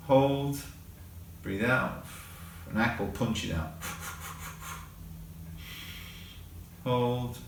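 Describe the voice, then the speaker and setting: A man coaching in a calm, instructive webinar talk on stress, walking listeners through breathing exercises. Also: mid-range voice. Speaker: mindset coach. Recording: roomy, distant mic, faint noise.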